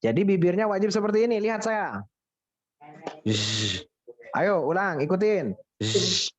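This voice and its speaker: A man's voice: high-pitched, lively intonation, a little fast, a little mellow. A man teaching English pronunciation in a playful, teasing way, drilling students and exclaiming at their mistakes in an online class. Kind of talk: teasing casual class instruction.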